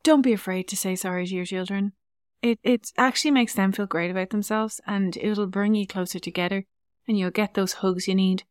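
A woman's voice: mid-range voice, steady tone, a little fast, clean tone, no room sound. Woman podcast co-host, earnest parenting tips, dry close sound. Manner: earnest, giving step-by-step advice; acts out what to say to a child. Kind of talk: casual podcast chat.

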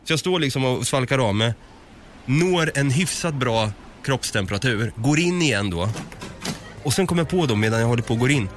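Animated man telling a story. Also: mid-range voice, slight background noise. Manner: animated, acts out both sides of the story. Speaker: podcast co-host. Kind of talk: casual storytelling chat.

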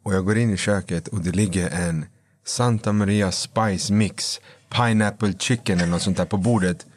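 A man guest in casual podcast chat, an animated storyteller who acts out quotes loudly. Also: on the low side.

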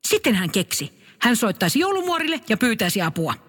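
Woman, storybook narration, calm, bright, expressive pitch. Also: husky, long reverb tail.

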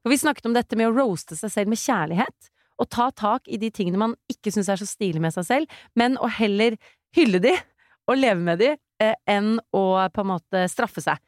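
A woman's voice: mid-range voice, no room sound, studio quality. A Norwegian woman co-hosting a podcast, steering the chat and introducing a new segment. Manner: steers the talk, sets up segments. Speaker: podcast co-host. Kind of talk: casual chat.

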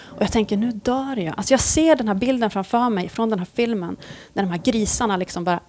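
Lively swearing woman telling a story. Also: medium pitch. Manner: lively, swears freely, acts out scenes. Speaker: police officer. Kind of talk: casual storytelling in conversation.

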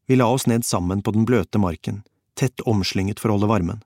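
Low-voiced male audiobook narrator. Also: darkish tone, dry recording, studio quality. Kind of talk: scripted first-person narration.

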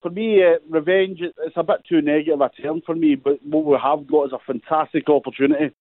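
A man's voice: fairly high pitch, fairly even intonation, fast talker, no echo. A man phones into a football radio show and makes his case earnestly, pressing harder as he goes. His voice comes through a narrow, tinny phone line. The sound is dry.

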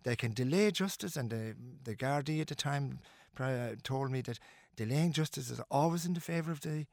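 A middle-aged Irish musician is being interviewed, speaking earnestly and emphatically with many restarts and fillers. His voice is medium-pitched and darkish at normal speed, recorded with studio quality and no room sound.

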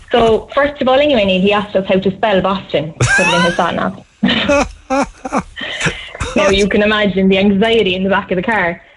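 A young woman in her twenties with a Cork Irish accent, telling a story quickly and animatedly on a radio show, often laughing. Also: mid-range voice, background noise. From Cork, Ireland. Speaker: guest storyteller. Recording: slightly dull radio sound.

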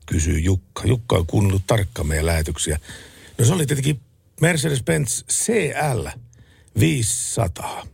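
A man co-hosting a late-night radio talk show in a relaxed, chatty way, reading out listener messages. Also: lowish voice, gravelly, slightly rough. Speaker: radio co-host.

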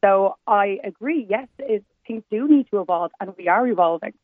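A woman's voice: mid-range voice, lively intonation, moderate pace, dry recording. A woman giving her opinion in a radio phone-in debate. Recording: narrow telephone line on radio.

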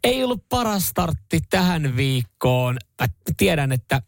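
Man, morning radio host, lively storyteller, dry studio sound. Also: on the high side, dry recording. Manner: animated storytelling, mimics sounds. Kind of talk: casual radio banter. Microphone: studio microphone.

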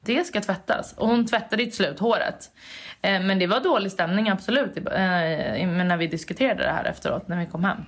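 A young woman chatting casually, telling an anecdote full of quoted dialogue. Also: medium pitch. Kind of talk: casual chat.

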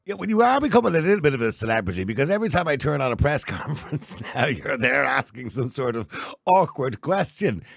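A man's voice: medium pitch, sing-song, creaky, breathy edge, no echo. Irish male host, teasing and chatty, dry studio voice. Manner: chatty, teasing, quick questions. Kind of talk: casual radio-style interview.

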